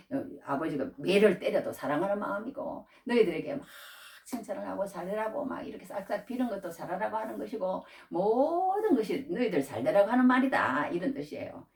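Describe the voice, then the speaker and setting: Roomy, lively-voiced woman preaching. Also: on the low side, creaky, recorded from a distance. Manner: conversational, acts out scripture in a raised voice. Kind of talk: sermon. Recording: roomy sound from away from the mic.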